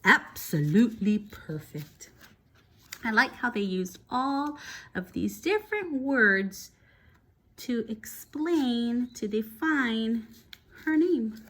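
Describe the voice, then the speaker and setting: A woman teacher with a fairly high pitch reads a picture book aloud to children expressively, pausing to explain things and ask questions.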